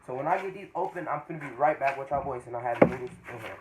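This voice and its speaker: Talking very fast and with plenty of animation, a young American vlogger narrates a cooking video in his home kitchen. His pitch is medium, his speech is casual, slangy and repetitive, and the recording is noisy with clicks.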